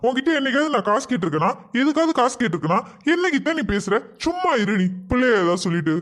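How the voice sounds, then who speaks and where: A performer acting a soft-spoken, coaxing man who spoils a child in a comedy sketch. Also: medium pitch, very animated, fast talker. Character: sweet-talking man doting on another woman's child.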